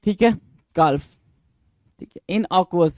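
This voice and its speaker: A male teacher leading an exam-prep vocabulary lesson. He reads English definitions slowly, explains them in quick Hindi, spells each word letter by letter and repeats the answers. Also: high-pitched, no echo. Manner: spells words letter by letter, repeats answers, calls students bhai.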